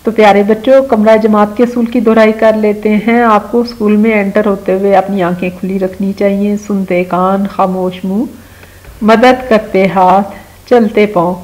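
Woman, teacher voice, slow drawn-out word drills, patient with kids. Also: medium pitch, steady tone, a little mellow, rough recording. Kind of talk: children's phonics lesson.

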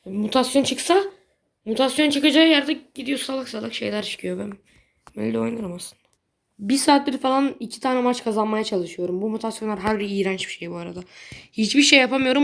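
A young woman with a fairly high voice talks through her game as she plays, in loose, chatty commentary. She is blunt and quick to grumble, tossing out mild swears when things go wrong. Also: gravelly. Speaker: gaming video creator. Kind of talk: casual gameplay commentary.

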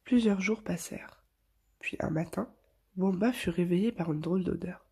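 A woman reading a picture book aloud to children in a soft, hushed storytelling voice. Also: fairly low pitch, moderate pace, breathy edge.

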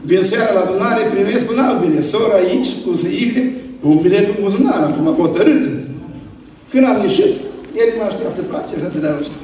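A man's voice: sits high, expressive, background noise. A man preaching a storytelling sermon to a congregation, joking and acting out voices in his stories. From Romania. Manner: folksy, jokes with the congregation, acts out voices in stories. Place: large church hall. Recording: distant mic, very echoey hall.

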